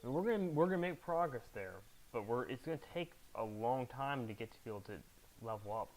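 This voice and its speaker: A man's voice: mid-range voice, lively intonation, fast, darkish tone, low-quality recording. A man giving casual commentary as he hosts his own video game challenge run. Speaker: gamer, challenge-run host.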